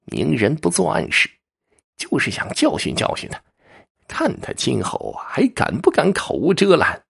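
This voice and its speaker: Man putting on a haughty, gravelly fox spirit. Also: on the high side, huge pitch swings, a little slow, a bit bright, voice pushed up, exaggerated voice. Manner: haughty, mocking. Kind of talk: storytelling.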